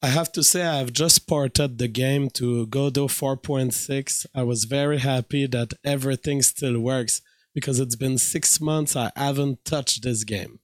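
A man with a weak voice giving a casual, halting tutorial narration as he presents a screen recording. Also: medium pitch, fairly even intonation, no room sound. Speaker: streamer and hobby game programmer.

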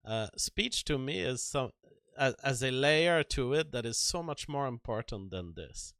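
A man hosting a solo livestream, giving opinionated commentary in a deliberate manner with rhetorical questions and repetition. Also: medium pitch, animated, a bit bright, no echo, clean studio sound. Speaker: livestream host.

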